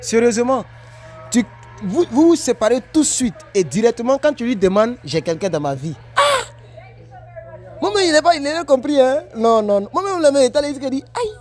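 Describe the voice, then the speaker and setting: Speaking at a moderate pace in an extremely high-pitched voice, this man from Ivory Coast answers comments during a work-break vlog. The tone is casual yet preachy. His manner is lively, repetitive and moralizing.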